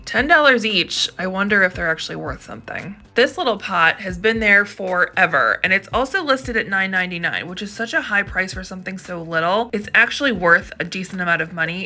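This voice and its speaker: A woman's voice: fairly low pitch, gravelly, bright, forceful tone. A woman host narrating a casual thrifting vlog, gushing with enthusiasm over each find.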